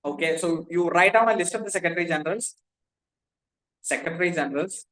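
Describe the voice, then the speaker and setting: A man's voice: on the high side, fairly quick, fairly bright tone, rough recording. A man with an Indian English accent teaching a class, dictating notes and spelling names letter by letter, often repeating himself.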